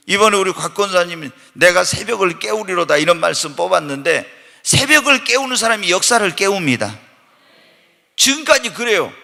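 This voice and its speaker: A man preaches in a church sanctuary with a long hall reverb trailing his words. His voice sits high for a man and sounds sharp and bright, and he peppers the congregation with rhetorical questions and now and then shouts for emphasis. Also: very animated, a little fast, vocal fry. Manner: bursts into loud, shouted emphasis. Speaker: pastor. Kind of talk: Korean evening church sermon. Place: church sanctuary during a Wednesday night service.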